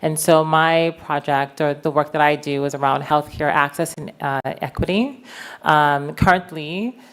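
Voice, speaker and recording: A woman from the United States, a pageant contestant giving a measured, explanatory stage speech. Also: low-pitched, clean tone.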